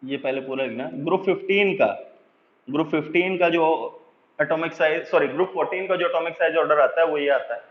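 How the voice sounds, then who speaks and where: A man with a high voice teaches chemistry in a lecture, speaking. He explains step by step, answers his own questions, and dictates slowly for notes. The sound is dull and lo-fi, in an echoey room. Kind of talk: classroom lecture.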